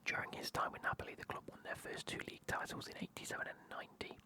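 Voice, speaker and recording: A British person in their twenties whispering an ASMR unboxing in a soft, excited, chatty way, reading aloud. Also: very fast. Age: 20s. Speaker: ASMR video host.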